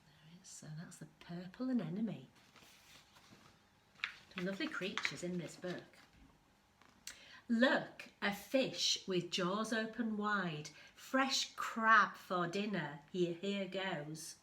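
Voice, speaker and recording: A woman working as an infant school storyteller reads a picture book aloud to young children, expressive and stopping to explain things. Her mid-range voice is bright and forceful.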